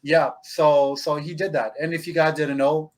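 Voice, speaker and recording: A man's voice: a little high, level tone, moderate pace. A man from Zimbabwe co-hosting a casual podcast, talking emphatically and addressing listeners directly. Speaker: podcast co-host.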